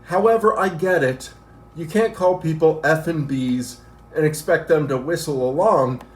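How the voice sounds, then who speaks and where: A man's voice: on the high side, unhurried. A man in an argumentative rant to camera, out of breath from working out as he talks. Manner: animated, argumentative, working out while talking. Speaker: vlogger. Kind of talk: ranting commentary to camera. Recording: echoey room.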